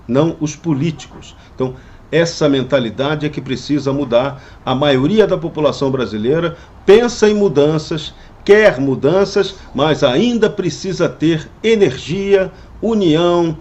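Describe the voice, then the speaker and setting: A man's voice: on the high side, animated, measured pace, a little mellow, lo-fi sound. A man delivering a scripted opinion commentary, indignant and full of rhetorical questions. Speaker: political commentator.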